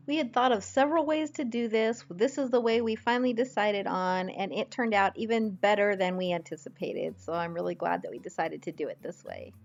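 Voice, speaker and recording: A woman's voice: mid-range voice, a little fast, creaky, hardly any pauses, highs cut off. A woman home vlogger casually narrating a makeover video in a pleased, chatty, step-by-step way. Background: background music.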